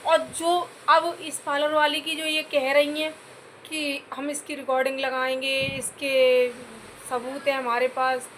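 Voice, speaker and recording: Woman vlogger, high pitched, scolding, pleading, faint background ambience. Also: little pitch movement, a little slow, fairly bright tone, a little hiss or hum. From Uttar Pradesh, India. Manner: scolding, repeatedly addressing listeners as "bhai"; earnest, pleading for comments. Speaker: YouTube vlogger. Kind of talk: direct-to-camera commentary rant.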